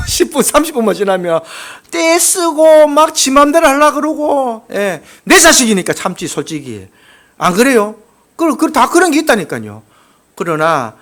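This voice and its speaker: Gyeongsang accent pastor guy preaching, pretty high voice, folksy stories, goes loud then drops to quiet little asides. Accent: Gyeongsang Korean. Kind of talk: sermon.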